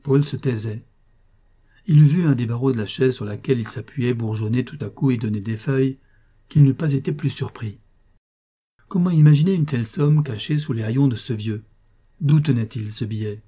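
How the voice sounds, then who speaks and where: A man narrates a novel in a measured, expressive storytelling manner. His voice is very dark and husky, at an ordinary middle pitch. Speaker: audiobook narrator. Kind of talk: scripted narration.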